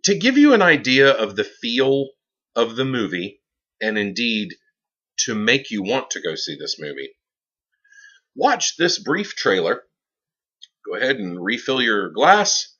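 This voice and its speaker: Slow, theatrical male horror host. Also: mid-range voice, very animated, a bit bright, husky, lo-fi sound. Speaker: horror movie show host. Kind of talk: campy horror host presentation.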